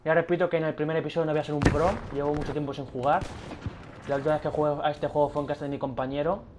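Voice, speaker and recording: A young man with a Spanish accent from Spain, commenting excitedly on a shooter game he is playing, swearing often and talking to his viewers. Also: a little high, very fast, noisy background. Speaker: gaming youtuber. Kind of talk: gameplay commentary. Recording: loud game gunfire behind.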